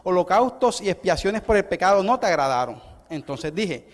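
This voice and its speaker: A middle-aged male pastor, preaching an evangelistic sermon. He swings from loud, rising declarations to soft, conversational asides. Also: high voice, sing-song, normal speed. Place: church hall. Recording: long church hall reverb.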